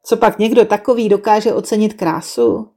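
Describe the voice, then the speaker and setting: A woman's voice: medium pitch, warm tone, lightly acted. A woman voicing a weary, sceptical female owl who sighs and scolds the other animals in a storybook tale. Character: grumpy wise female owl, scornful and weary.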